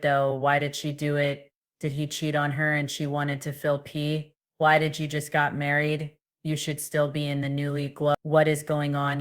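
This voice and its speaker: A woman giving casual, sarcastic gossip commentary and reading news quotes aloud. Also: sits low. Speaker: commentary vlogger.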